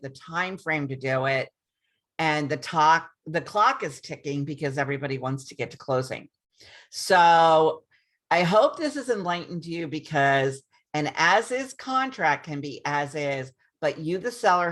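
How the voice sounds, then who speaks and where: A woman's voice: low-pitched, fairly bright tone. A woman realtor talking casually to her viewers, with frequent restarts and ums. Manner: chatty, repeats herself, many restarts and ums. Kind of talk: casual explainer to camera. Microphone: screen-share video recording.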